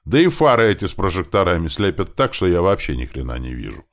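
Gruff squad leader, read by a man, yelling orders, gravelly, lively. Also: deep voice, quick pace, pitched above the performer's own voice. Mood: shouting. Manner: barking commands at full volume.

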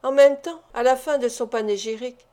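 A woman reading a classic novel as an audiobook, in measured, even narration. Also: sits high.

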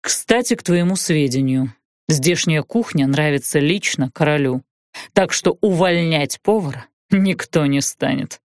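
A woman voicing a sarcastic exiled male aristocrat who speaks in a dry, measured way. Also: low voice, lively intonation, darkish tone, dry recording, pitched below the performer's own voice. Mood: sardonic.

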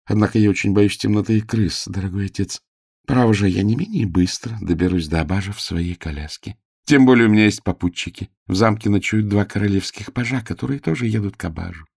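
A haughty noble lady, voiced by a male reader, mannered and polite, a little fearful. Her voice sits higher than the reader's own and has some gravel in it, recorded dry and close. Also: fast, darkish tone, no echo. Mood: genteel.

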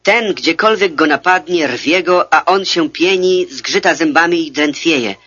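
A man's voice: on the high side, measured pace, sharp tone. A man reading the part of a desperate father pleading for his son, in an earnest scripture reading on a dull lo-fi recording.

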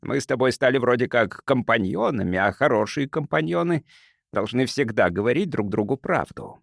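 A man voicing a genial, crafty doctor who bargains in a soft, sugary, unhurried voice for an audiobook. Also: medium pitch, lively intonation, vocal fry, dry recording, studio quality. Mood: gentle, earnest.

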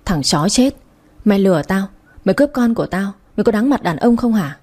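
A woman's voice: medium pitch, lively intonation, a little fast, lightly acted. A woman reading an enraged young mother. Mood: furious, pleading. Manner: shouting insults, bitter. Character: furious young mother fighting for her baby.

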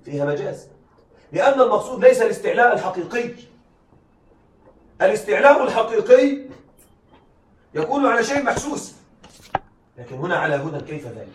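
A man's voice: high voice, very animated, fairly quick, pauses often. A man teaching rhetoric in a classroom lecture, repeatedly asking his students whether they are following. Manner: keeps checking students follow. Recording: echoey classroom, distant mic, faint hiss.

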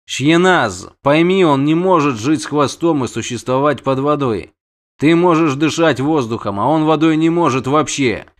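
A man voicing a weary witcher who translates for others in an audiobook, in a measured, patient manner. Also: a little high, expressive, pitched above the performer's own voice, natural voice. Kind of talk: audiobook character voice.

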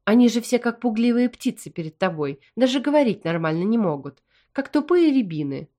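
A woman reading an audiobook and voicing a stern, commanding middle-aged alien noble mother who fires off sharp demanding questions. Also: on the high side, big pitch swings, brisk, pitched above the performer's own voice. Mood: delighted. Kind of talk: audiobook character voice.

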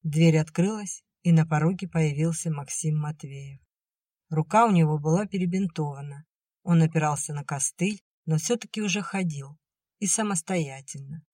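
A woman narrating an audiobook in a calm, even manner. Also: low-pitched, normal speed, dry recording, studio quality.

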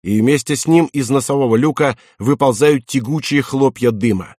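A man narrating a war novel as an audiobook, in a measured, even reading. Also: medium pitch, no echo, clean studio sound.

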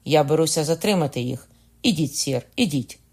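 A man's voice: a little high, animated, moderate pace, darkish tone. A man voicing a loyal, vengeful young soldier in an audiobook reading, blunt and resolute. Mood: urgent.

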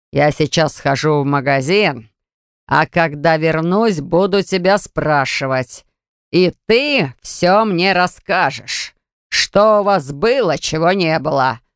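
A woman voicing a harsh, furious middle-aged father in an audiobook, speaking slowly and heavily as he shouts threats. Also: sits low, vocal fry, no echo, clean studio sound, exaggerated voice. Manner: slow, heavy, threatening shouting. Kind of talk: audiobook character voice.

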